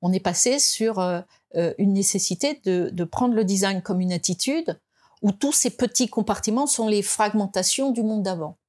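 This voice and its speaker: A woman from France speaking as a guest in an interview, reflective and hesitant, with many fillers and restarts, and rising in pitch to stress her points. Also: moderate pace, a little mellow. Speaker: design expert guest. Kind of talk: conversational interview.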